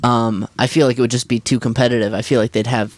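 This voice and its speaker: Guy cohosting a podcast, rambly, lots of restarts, dry close mic, mid pitch. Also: little pitch movement, no echo. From Washington state. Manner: rambling, halting with many restarts. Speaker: podcast co-host. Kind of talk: casual chat. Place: parking lot near a van.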